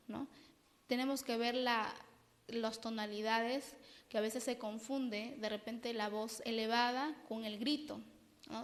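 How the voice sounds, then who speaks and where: Peruvian lady psychologist giving a church parenting talk, kinda high voice, long echo on it. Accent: Peruvian Spanish. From Peru. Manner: explanatory, keeps checking in with "¿no?". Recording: long reverb.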